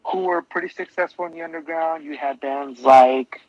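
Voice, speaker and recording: Talking albums with casual enthusiasm, this podcast co-host rambles and keeps restarting what he says. His male voice is on the high side and a little mellow, at a moderate pace, and the dull lo-fi audio has no echo.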